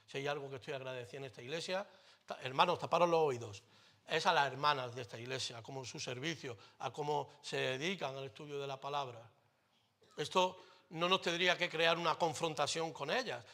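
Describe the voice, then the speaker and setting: A pastor with a Spain Spanish accent preaching a sermon in church into a microphone. He swings between loud declarations and quiet, close asides, with light jokes along the way. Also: medium pitch.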